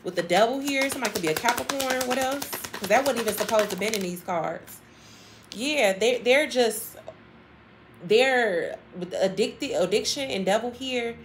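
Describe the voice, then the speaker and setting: A woman's voice: fairly high pitch, normal speed, a little hiss or hum. A woman giving a casual tarot reading to her viewers, chatty and emphatic, repeating phrases and laughing often. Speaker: tarot reader.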